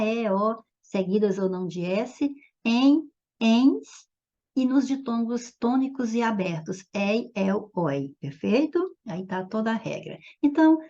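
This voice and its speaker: Slow, emphatic woman teacher. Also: medium pitch, darkish tone, muffled recording. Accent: Brazilian Portuguese. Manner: slow, emphatic, stretches key words. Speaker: Portuguese teacher. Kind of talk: exam-prep grammar lesson.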